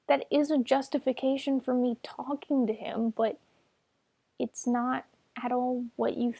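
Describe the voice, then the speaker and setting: Sarcastic young woman with a gravelly voice. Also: on the high side, dark tone, no room sound. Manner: sarcastic, defensive, many filler "like"s. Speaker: vlogger telling a personal story. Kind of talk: casual storytime monologue.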